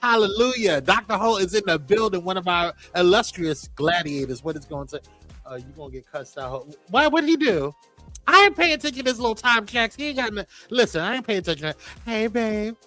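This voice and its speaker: A man with a high, ringing voice hosts a live-stream show. He greets his viewers by name and banters playfully, and faint music plays behind him. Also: expressive, fairly quick, pushed and bright. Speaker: host.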